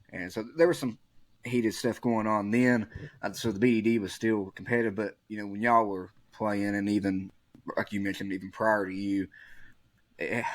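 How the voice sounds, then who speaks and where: Low-voiced man hosting a podcast, dry sound. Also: no room sound. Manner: friendly and rambling with many fillers. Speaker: podcast host. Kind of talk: casual interview chat.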